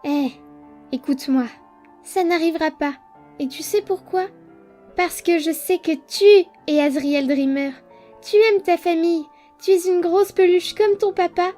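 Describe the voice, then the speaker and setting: A woman's voice: very high-pitched, measured pace, a little mellow. A woman voicing a determined human child in a fan dub of a game. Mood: reassuring. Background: music.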